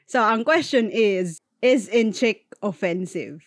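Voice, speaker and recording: A woman co-hosting a casual podcast chat, telling stories in an animated, chatty way with a Filipino accent. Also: mid-range voice, slow, dry recording, clean studio sound. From Philippines. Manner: animated, chatty storytelling with frequent fillers. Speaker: podcast co-host.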